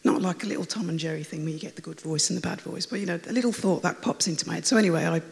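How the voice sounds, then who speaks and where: A woman with a raspy, croaky voice that always sounds like she has a cold, chattily telling her testimony to a church congregation, rambling with fillers and restarts. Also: fairly low pitch, rapid-fire, a little mellow. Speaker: church member giving a testimony. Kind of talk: personal testimony told to a congregation. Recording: long reverb of a large hall.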